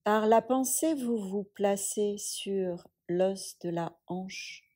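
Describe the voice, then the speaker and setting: This instructor's mid-range voice is calm and soothing as she leads a yoga relaxation meditation. She keeps it breathy and hushed, with long pauses throughout.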